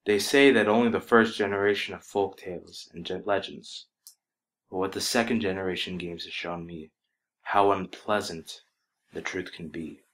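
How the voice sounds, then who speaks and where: A man narrates a scripted horror story in an ominous, dramatic way, sometimes dropping to a hush. His low-pitched voice stays steady at a moderate pace.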